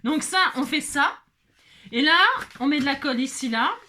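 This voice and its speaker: A woman's voice: sits high, moderate pace, pushed and bright, a little hiss or hum. A woman hosting a casual crafting tutorial, chatty and jokey, talking to her viewers and her pet as she works. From France. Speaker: craft video host.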